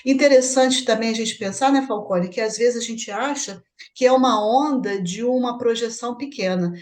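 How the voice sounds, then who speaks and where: Leading a spiritist book study, this study group host explains a chapter in a Brazilian Portuguese accent and checks in with her partner to confirm points. She has a fairly high, darkish voice.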